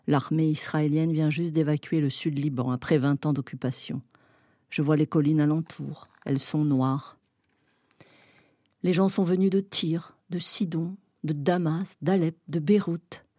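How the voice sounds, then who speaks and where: Low-voiced woman giving a dramatic reading. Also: no echo, clean studio sound. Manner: intense, rising to shouting in the heated passages. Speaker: reader. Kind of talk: dramatic reading of a novel excerpt.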